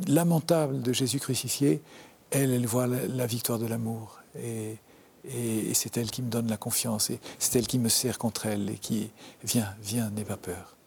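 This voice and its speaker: French man, parish priest, halting earnest interview talk, dark gravelly voice. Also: medium pitch. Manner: halting, many restarts, earnest. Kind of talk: interview, devotional reflection.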